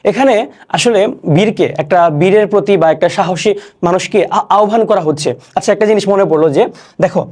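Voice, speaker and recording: A young man teaching an online class, explaining each word slowly and repeating questions and answers. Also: sits high, darkish tone. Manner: recites poem lines slowly.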